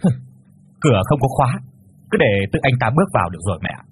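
A man's voice: medium pitch, very fast, darkish tone, husky. Give me a man doing a snappish young woman. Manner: snappish, curt. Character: sharp-tongued young woman, daughter defending her boyfriend.

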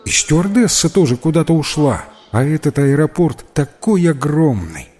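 Guy putting on a nervous little boy, high and fretful, kinda breathy. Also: sing-song, moderate pace, darkish tone, long reverb tail. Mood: anxious. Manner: upset, rambling pleading. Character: lost, anxious little boy.

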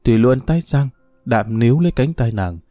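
Expressive male audiobook narrator. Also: mid-range voice, normal speed, no echo, clean studio sound, soft background music.

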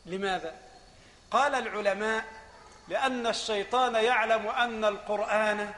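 An Egyptian-accented man teaches a religious lesson on Islamic jurisprudence as a sheikh, speaking at normal speed in a high voice. He answers the questions he poses and builds to loud, emphatic points. The audio is reverberant, with a big-room sound.

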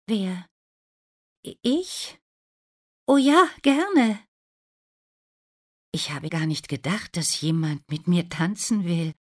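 A woman's voice: deep voice, moderate pace, hardly any pauses, darkish tone. A woman voicing a shy, timid young servant girl at a royal ball in a storybook reading. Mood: flustered.

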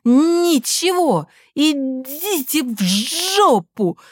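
A woman voicing a furious teenage boy who stutters, shouts and swears. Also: sits high, sing-song, very slow, dry recording, clean studio sound, pitched above the performer's own voice, full character voice. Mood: screaming.

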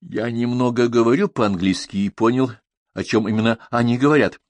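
A man's voice: medium pitch, brisk, a little mellow, dry recording, voice pushed up, close to an everyday voice. A man reading an audiobook, voicing an elderly male waiter who is nervous yet dignified and earnest. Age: older. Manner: earnest, defensive.

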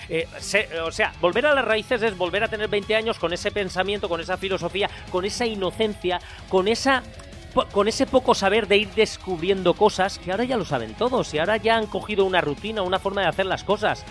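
A man with a Spain Spanish accent hosts a casual music podcast, building his points slowly and repeating phrases as he thinks. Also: sits high, a bit bright. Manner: thoughtful, repeats phrases while building an argument. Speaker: podcast host.

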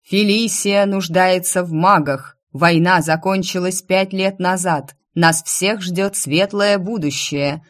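A woman voicing a loud, pompous male town crier making royal proclamations in an audiobook. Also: slow pace. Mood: proclaiming. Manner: booming proclamations.

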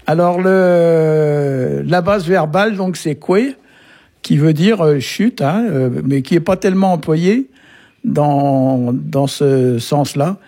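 A man's voice: fairly high pitch, slow, dark tone. A man from Brittany, a language teacher, patiently explaining words on a radio lesson. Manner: patient, explanatory, peppers talk with short tags.

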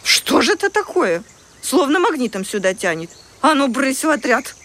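A woman's voice: high voice, big pitch swings, moderate pace. A woman reading a storybook and voicing an angry middle-aged camp nurse who scolds children. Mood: cross. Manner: sharp, scolding.

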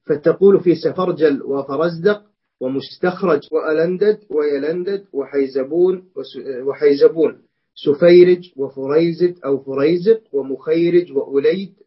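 A student in a lesson reads a classical text aloud, his voice a bit high-pitched. He keeps a steady reciting pace and backs up to fix the odd slip. The sound is dull and lo-fi. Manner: steady recitation with small slips and restarts. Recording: dull lo-fi recording.

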